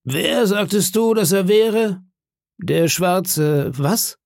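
A man's voice: drawn-out words, creaky, a little mellow, dry recording, clean studio sound, full character voice. Long John Silver, a man doing a hearty pirate innkeeper. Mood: blustering. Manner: hearty, booming, feigned indignation. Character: jovial one-legged pirate innkeeper, cunning man.

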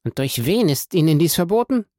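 A man's voice: a little high, big pitch swings, brisk, warm tone, dry recording, clean studio sound, pitched above the performer's own voice. A man reading an audiobook and voicing a panicked, greedy banker held prisoner, who pleads and bargains in frantic outbursts. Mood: questioning.

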